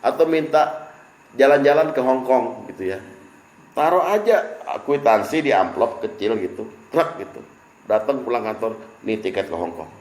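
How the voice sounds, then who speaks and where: A man's voice: medium pitch, animated, normal speed, darkish tone. A man leading an informal religious study session. He jokes and keeps asking his audience questions. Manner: jokey, asks the audience questions. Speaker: preacher. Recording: echoey room.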